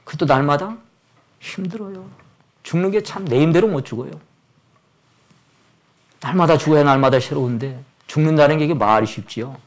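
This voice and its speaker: A pastor in his sixties preaches a Sunday sermon at a church service, telling stories with animation and acting out the voices of the people in them. His voice is on the high side, at a moderate pace with frequent pauses.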